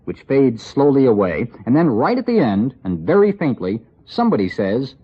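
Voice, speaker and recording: A man's voice: medium pitch, huge pitch swings, moderate pace, slightly rough. A man narrating a scripted radio report with wry, dry asides. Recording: lo-fi 1960s radio broadcast.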